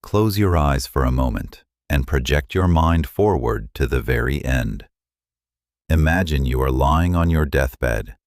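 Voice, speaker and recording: A man's voice: a bass voice, animated, unhurried, a little mellow, dry recording, clean studio sound. A man giving scripted narration in a solemn, contemplative way.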